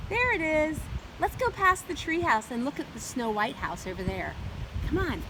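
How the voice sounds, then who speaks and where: Overbright, high-voiced woman hosting children's storytime. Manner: overbright, animated kids' party host delivery. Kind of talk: addressing young children, storytime show. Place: outdoors in a yard and treehouse. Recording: outdoor ambient noise, windy day.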